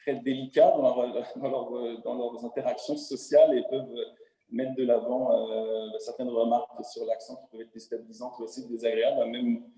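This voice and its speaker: French-accented man, halting webinar panelist, very mellow timbre, roomy video-call sound. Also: mid-range voice, level tone. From France. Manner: hesitant, many fillers and restarts. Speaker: panelist entrepreneur.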